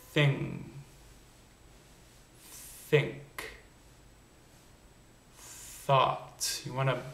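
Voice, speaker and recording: A man giving a video blog lesson on pronunciation, modeling example words slowly and clearly. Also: mid-range voice, fairly bright tone, roomy sound. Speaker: accent reduction coach.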